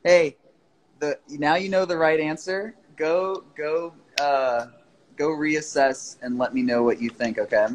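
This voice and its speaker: A man's voice: a little high, steady tone, unhurried, poor audio. A man hosting a casual livestream from his phone, joking around and swearing freely with viewers who join the stream. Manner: swears a lot, loose and jokey. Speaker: livestream host.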